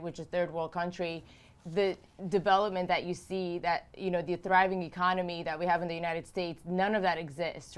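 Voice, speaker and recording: A woman's voice: on the low side, smooth. A woman in her thirties from Romania, answering interview questions as a political candidate, earnest and emphatic, repeating phrases for emphasis. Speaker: House candidate.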